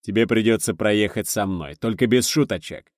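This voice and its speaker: A man reading an audiobook, voicing a stern army major who speaks gruffly and mockingly. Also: fairly low pitch, normal speed, no echo, clean studio sound, natural voice. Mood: threatening. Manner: gruff and commanding.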